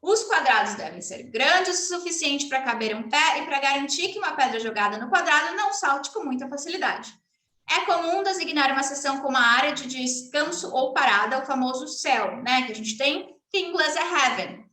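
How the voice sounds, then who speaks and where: A woman from Brazil teaching an online lesson, explaining in Portuguese and modeling English phrases slowly and clearly. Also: sits high, animated, bright, forceful tone, roomy sound.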